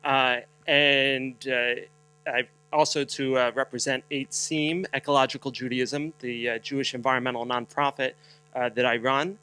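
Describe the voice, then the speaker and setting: A man's voice: medium pitch, steady tone, normal speed, bright, forceful tone, clean tone, poor audio. A man from New Jersey leading a spiritual moment at a conference, telling a story with lots of fillers and a bit of humor before building to rhetorical questions. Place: conference hall.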